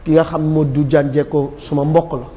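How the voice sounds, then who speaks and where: Solemn man with a dark voice. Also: fairly high pitch, flat delivery, in a large hall. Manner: measured and solemn, mixing French with Wolof. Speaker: studio guest. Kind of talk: formal tribute speech. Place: TV studio set.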